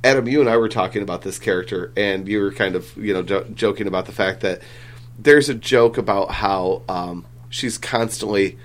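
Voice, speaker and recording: Man, lowish voice, podcast host, loose and rambling, full of ums, casual cursing. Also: moderate pace. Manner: rambling, filler-heavy, swears casually. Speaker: comic book podcast host.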